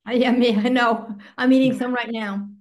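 A woman's voice: fairly high pitch, fairly even intonation, normal speed, a little mellow. A woman taking part in an online language class over a video call, asking curious questions. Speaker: class participant.

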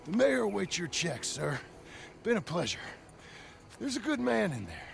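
An actor playing a gruff outlaw in a video game, talking with dry, sarcastic menace. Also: male voice, sits high, huge pitch swings, normal speed, a little hiss or hum, heavily acted. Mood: wry menace. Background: game music.

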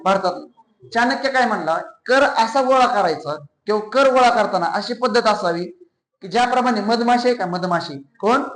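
A male teacher gives a classroom lecture in a high voice. He keeps firing questions at the class and repeating the answers. The sound carries the echo of a roomy classroom. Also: fairly bright tone. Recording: echoey classroom.

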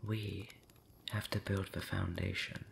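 Breathy, often whispered ASMR rambling comes from an audio roleplay channel creator talking intimately late at night. His low voice barely moves in pitch, and he is hesitant and thoughtful, pausing long and humming softly. Background noise can be heard.

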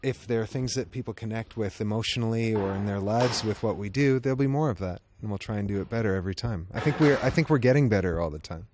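A man's voice: lowish voice, fast talker, hardly any pauses, noisy background. A man in a band answering interview questions backstage, thoughtful and restarting his sentences often. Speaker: band member.

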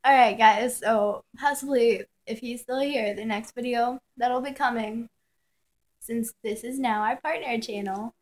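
A woman's voice: a little high, fairly even intonation, a little slow. A young woman chatting casually as a vlog co-host, recorded indoors on a phone held out on a selfie stick. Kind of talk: casual chat. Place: small dim room indoors. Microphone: phone on a selfie stick at arm's length.

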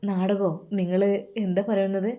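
A woman's voice: medium pitch, little pitch movement, normal speed, mellow, natural voice. A woman voicing a dutiful young businessman son who speaks politely and earnestly.

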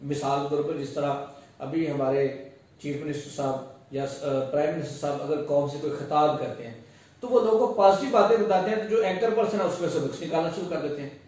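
A man's voice: on the high side, fairly quick, a little mellow. A man giving a patient, step-by-step lecture that he explains with everyday examples. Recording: very echoey room, voice far from mic.

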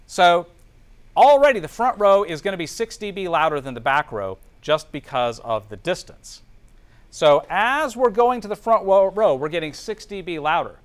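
With a voice on the high side and a touch bright, a male teacher gives an indoor classroom lecture built around a spreadsheet demonstration. He explains each step in turn and keeps checking understanding through short tag questions.

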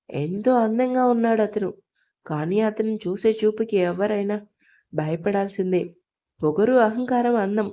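A woman reading a scripted audio story aloud, measured and expressive. Her voice sits at an ordinary mid female pitch. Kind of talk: scripted narration.

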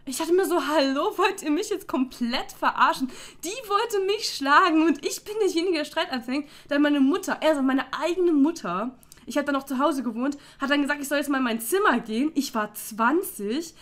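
Young woman, high voice, exasperated vlog rant, talks straight to viewers. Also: moderate pace, fairly bright tone. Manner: heated, exasperated ranting. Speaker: YouTuber.

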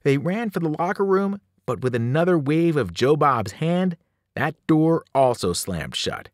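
Animated man reading a story aloud. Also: measured pace, no room sound, studio quality. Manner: animated storytelling, shifting pitch and loudness with the action. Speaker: teacher reading a novel aloud. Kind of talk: expressive read-aloud narration.

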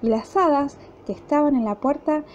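A woman teacher with an Argentine accent reading a traditional fairy tale aloud, lively and expressive. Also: high-pitched, moderate pace. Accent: Argentine Spanish. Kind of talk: storybook read-aloud. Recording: dull lo-fi recording, faint noise.

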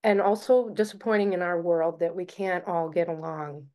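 A woman speaking haltingly with many restarts in a casual book club discussion over a video call. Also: on the low side, steady tone, a little mellow.

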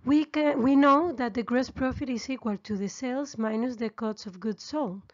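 A woman's voice: on the high side, moderate pace, dry recording. Woman explaining spreadsheets, dull dry sound. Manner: steady explanatory pace with frequent fillers. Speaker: restaurant finance tutor. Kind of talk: screen-recorded spreadsheet tutorial.

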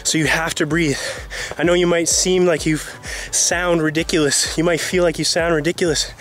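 A man's voice: a little high, level tone, normal speed, fairly bright tone. A man who is out of breath, coaching soccer players on breathing outdoors and sighing between phrases. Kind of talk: instructional vlog.

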